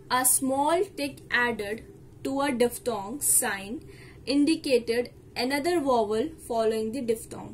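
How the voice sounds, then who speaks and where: A woman's voice: high-pitched, slight background noise. A woman teaching shorthand, explaining each step patiently and repeating key terms. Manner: patient, repeats key terms, mixes English words into Hindi.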